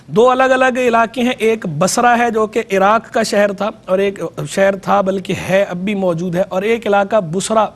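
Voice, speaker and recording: Pakistani guy, high voice, teaching calm and careful, says key words twice. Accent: Pakistani Urdu. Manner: measured, explanatory, repeats key terms to stress them. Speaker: religious scholar presenting a TV program. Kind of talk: educational religious lecture.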